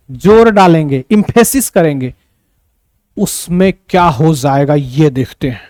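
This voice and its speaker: A man teaching an online English grammar lesson, repeating points, asking and answering his own questions, and reading example sentences slowly with stress. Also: high voice, darkish tone, no room sound. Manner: repetitive, drilling, asks and answers own questions.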